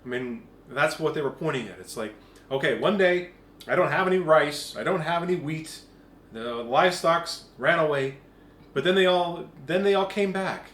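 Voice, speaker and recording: A man's voice: fairly high pitch, normal speed. A man leading an informal spiritual talk at a group meeting, acting out little quoted voices as he goes. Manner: animated, acts out quoted voices. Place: meeting room. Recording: echoey room with faint background hum.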